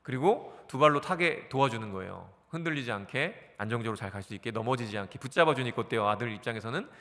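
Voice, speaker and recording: Male pastor, forties, animated sermon, bright tone, church hall reverb. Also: mid-range voice, fast talker. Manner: animated, asks the congregation questions and answers them. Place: church sanctuary.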